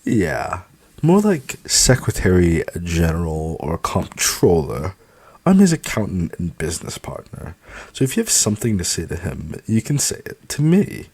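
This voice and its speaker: A man's voice: sits low, huge pitch swings, unhurried, a little mellow, husky, no room sound, full character voice. A man voicing a snobby, condescending young heiress who talks in a patronizing, clipped way. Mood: snobby, snappish.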